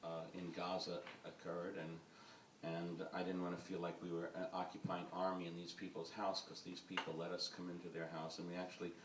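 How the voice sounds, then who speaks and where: A film director with a deep, monotone voice speaks at a moderate pace with hardly any pauses, yet his panel remarks ramble and are filled with uhs and ums. The event hall has an audience, and the roomy space is miked from afar, with background noise.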